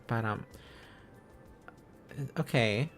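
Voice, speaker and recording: This live streamer is a man learning Korean script, his mid-range voice a bit bright and his pace measured, with soft background music underneath. It's a casual lesson. He mulls things over aloud and repeats phrases and syllables while puzzling out letters and words.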